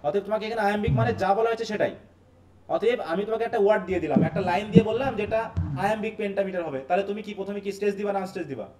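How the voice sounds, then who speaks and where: A man's voice: high-pitched, racing, heavy background noise. A man with a Bangladeshi Bengali accent teaching an English class, explaining by repetition and quizzing his students. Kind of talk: live online class.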